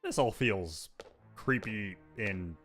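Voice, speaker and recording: A man's voice: fairly low pitch, slow, music in the background. A man commentating on a video game playthrough in a casual, wry way.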